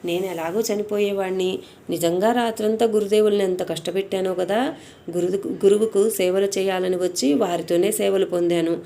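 A stubborn, devoted young disciple, voiced by a woman telling the story. He insists over and over, firm and unafraid, his voice pushing up high when he refuses. It sits on a mellow, soft-edged tone. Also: steady tone, normal speed, gravelly, lightly acted. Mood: fearful. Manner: defiant, insistent.

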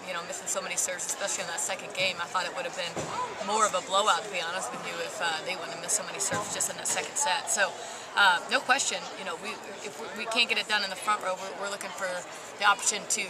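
A woman volleyball coach in her thirties talks fast in a postgame interview, with many "you know"s. She speaks into a headset courtside in a big indoor arena. Crowd chatter and steady noise fill the background. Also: lowish voice. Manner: rapid, filler-heavy answers with frequent "you know". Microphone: headset microphone.

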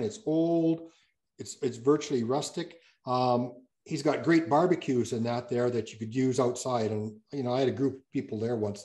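A man's voice: mid-range voice, warm tone. A man speaking as a guest geologist, answering audience questions on a video call in a rambling, self-correcting way with many fillers.

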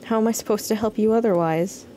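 Woman voicing a timid, raised-pitch worried game character. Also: fast talker, warm tone, a little hiss or hum, close to an everyday voice. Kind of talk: reading game dialogue aloud.

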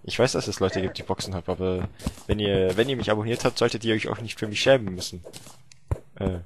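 A young man narrating his own gameplay in a goofy, self-mocking way, his lowish voice jumping into yelps and little shouts. The home recording carries clear background noise and clicking. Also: quick pace. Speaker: let's play commentator. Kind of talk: casual gameplay commentary.

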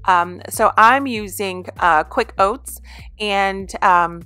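A woman's voice: medium pitch, slow pace, pushed and bright, no room sound, faint music behind. A woman in her thirties talking casually about her meal prep as a home vlogger, with many ums and restarts. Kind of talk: casual voice-over narration.

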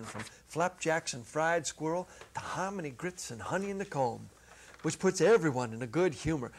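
A husky, middle-aged man with a voice on the high side reads a story dramatically as narrator. Theatrical in manner, he swings from hushed to emphatic with deliberate pauses. He's seated at a music stand on an indoor stage set, miked with a clip-on lapel mic.

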